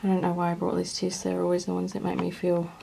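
A woman's voice: on the low side, completely flat delivery, quick pace, noisy background. A woman vlogging by herself on a handheld camera, with a nervous, shaky manner, often dropping to a near whisper. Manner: nervous, shaky, breathy, trailing off into quiet. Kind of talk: casual vlog narration.

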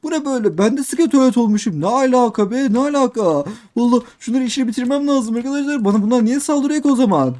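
A young man doing excitable game commentary, repeating himself and talking straight to his viewers. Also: very high-pitched, fast talker, hardly any pauses. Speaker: gaming youtuber. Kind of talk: let's play commentary.

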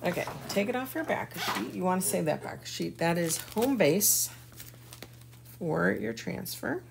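A woman's voice: lowish voice, lively intonation, moderate pace, creaky, background noise. A woman giving a chatty, folksy live craft tutorial and talking to her viewers as she works. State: hiccuping. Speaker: craft demonstrator.

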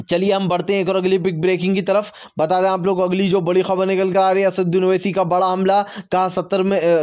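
A man presenting a fast, emphatic, opinion-heavy news rundown, leaning on catchphrases and fillers. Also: high-pitched, darkish tone.

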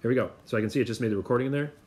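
A man's voice: mid-range voice, very fast, a little mellow. A man walking through an app step by step in a casual tutorial, thinking aloud with plenty of fillers. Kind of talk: screen-recorded tutorial walkthrough.

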